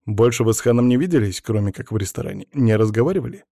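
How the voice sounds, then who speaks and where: Casting: composed investigator, soft measured questions, dark mellow tone, read by a male narrator. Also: medium pitch, expressive, no echo, clean studio sound, lightly acted. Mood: probing. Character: calm, probing male investigator, gently ironic.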